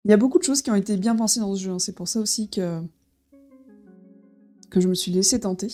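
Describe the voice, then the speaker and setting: A woman with a warm, mid-range voice casually presents a board game while unboxing it, speaking quickly over soft background music. She's hesitant, with frequent fillers and restarts.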